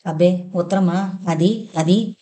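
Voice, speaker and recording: A woman's voice: fairly low pitch, takes it slowly, warm tone. A woman reading a story, voicing a nervous young wife who stammers and dodges questions. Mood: flustered. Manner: stammering, evasive. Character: young wife, flustered and hiding something.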